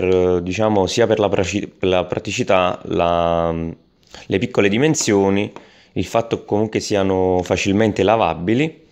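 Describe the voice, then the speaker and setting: Male gadget reviewer, deep register, halting delivery full of "eh" and restarts. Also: darkish tone. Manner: hesitant, many fillers and restarts. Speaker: tech product reviewer. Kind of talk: unscripted product review voice-over.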